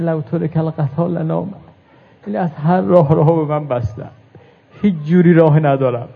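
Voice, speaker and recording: A man preaching a religious mourning sermon, reciting Arabic verses and moving between hushed telling and rising lament. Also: a little high, vocal fry, husky. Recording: tinny phone-like recording.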